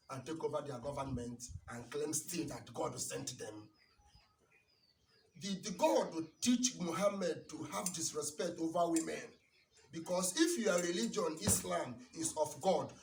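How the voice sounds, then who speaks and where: A man giving an impassioned lecture-sermon, hammering rhetorical questions and swinging between loud bursts and low asides. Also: slight background noise. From Nigeria. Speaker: lecturer on religion and culture. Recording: roomy, distant mic, faint birdsong behind.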